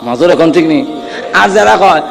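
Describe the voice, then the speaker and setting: A man preaching a Bengali waz sermon in a sing-song way, speaking with a tinge and urging the crowd to answer louder. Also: fairly high pitch, animated, moderate pace, creaky, faint music behind. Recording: long hall reverb.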